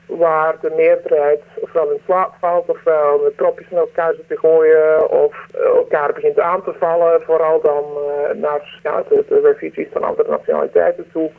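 Woman disguised by deep pitch-shifted distortion. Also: flat delivery, creaky. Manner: earnest and pained, with hesitant pauses. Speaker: anonymous former aid worker interviewee. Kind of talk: radio interview answers. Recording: distorted, narrow phone-like sound.

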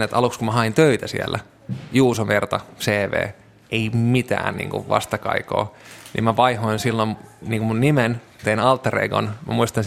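A man's voice: on the low side, creaky. A Finnish man, an interview guest, telling travel stories casually with many fillers. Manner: relaxed storytelling with frequent fillers.

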